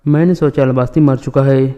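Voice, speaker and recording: A man reading the lines of a remorseful, loyal male warrior in a flat, even voice. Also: medium pitch, lightly acted.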